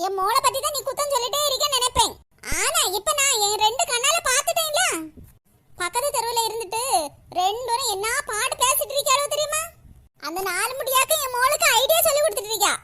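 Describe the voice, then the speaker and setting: A woman's voice: very high-pitched, lively intonation, fast talker, heavy background noise. A woman voicing a scheming older village mother-in-law in a cartoon, scolding bluntly with a Kanyakumari Tamil accent. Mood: confiding. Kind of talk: cartoon voice acting.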